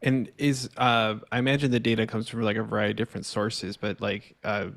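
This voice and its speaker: A man in the audience puts a long question to the speaker. He hesitates often and leans on fillers. His voice is low and flat in pitch, and the sound is dry, with no room echo. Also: fairly quick, vocal fry. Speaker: audience member asking a question.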